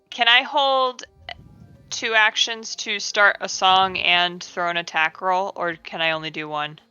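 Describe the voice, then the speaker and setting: A woman playing a tabletop game, thinking aloud slowly with many ums as she decides her moves. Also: lowish voice, bright, forceful tone, smooth, no room sound, lo-fi sound. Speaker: player.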